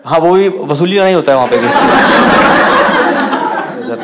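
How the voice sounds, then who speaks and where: Stand-up guy ribbing the crowd, bit higher voice, loud audience noise everywhere. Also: lively intonation, unhurried. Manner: teasing, banters with the audience. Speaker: stand-up comedian. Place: comedy club, live show.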